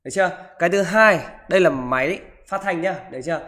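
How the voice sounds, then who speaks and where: A man's voice: high voice, fast talker, fairly bright tone. A man teaching physics, talking students through exam questions in a live online class and checking in with them after almost every sentence. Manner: keeps asking "được chưa?" and "đúng không?".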